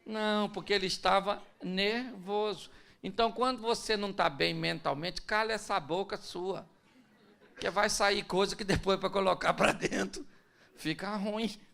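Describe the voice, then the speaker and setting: Male pastor, bright forceful voice, conversational sermon with acted-out scenes. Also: high-pitched, fairly even intonation, measured pace, gravelly. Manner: conversational, joking, acts out scenes.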